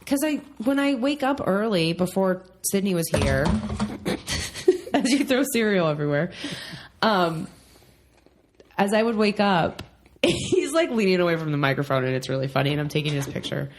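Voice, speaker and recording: A woman's voice: on the low side, sing-song, normal speed, pauses often, a little hiss or hum. A woman in her thirties co-hosting a casual relationship podcast from home, chatty and rambling with frequent ums. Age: 30s. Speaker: podcast co-host.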